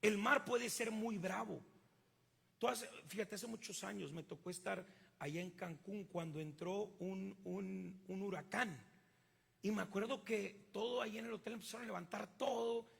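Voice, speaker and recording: A man's voice: high voice, moderate pace, vocal fry, a bit bright, slightly rough, big-room sound. A man with a Mexican accent preaching a sermon, emphatic and drawing the congregation in with call-and-response questions. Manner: emphatic, asks the congregation to fill in words. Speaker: pastor.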